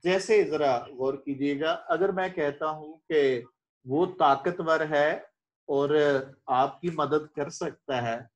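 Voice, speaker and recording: A man's voice: a little high, takes it slowly, highs cut off. A middle-aged man from Pakistan giving an English lecture in Urdu, quizzing students and translating line by line. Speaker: English teacher.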